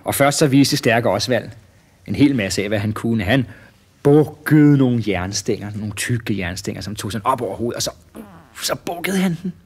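A man narrating a children's story in a relaxed, lively way with small hesitations. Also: fairly low pitch, husky.

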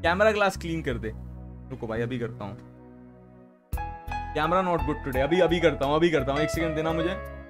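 A man's voice: fairly high pitch, moderate pace, long pauses. A young man from Kolkata chatting casually on a live stream, joking around, swearing freely and slipping English phrases into his talk. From Kolkata, India. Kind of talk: casual livestream chat. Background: faint background music.

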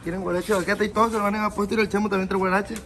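A man's voice: high-pitched, little pitch movement, racing, a bit bright. A young man with a Sinaloan Mexican accent chatting casually as a vlog host, using heavy street slang and egging on his companions. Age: young adult. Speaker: vlogger hosting a day out with boys. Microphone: handheld phone. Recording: busy street and shop background chatter.

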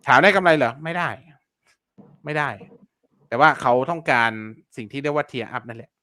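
Forceful chatty man teaching on a live stream. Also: fairly high pitch, normal speed, no room sound. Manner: chatty, repeats words and fillers, polite particles. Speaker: online seller teaching keyword research. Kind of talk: casual live-stream lesson.

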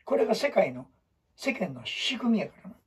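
Kansai man teaching storytelling, lively swooping delivery, husky voice, recorded from a distance. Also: normal speed. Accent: Kansai (Osaka). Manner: animated, emphatic, shifts between loud bursts and low asides. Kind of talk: lecture to students.

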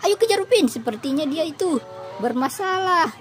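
A woman's voice: animated, moderate pace. A woman voicing a cautious little cartoon boy who keeps warning and nagging his twin. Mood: worried. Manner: warns and nags, high piping. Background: game music.

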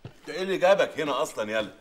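An actor with an Egyptian Arabic accent, playing an exasperated, sarcastic man of the house who mocks and shouts. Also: on the high side, expressive. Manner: sarcastic, mocking, quick to shout. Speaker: sitcom character.

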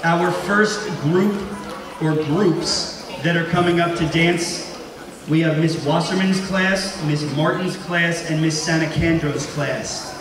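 Male assembly host, wry joking patter to a crowd, loud crowd noise, heavy gym echo. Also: a little high, takes it slowly. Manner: wry, self-deprecating. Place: large indoor school gymnasium. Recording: very echoey gymnasium, distant mic, loud crowd noise.

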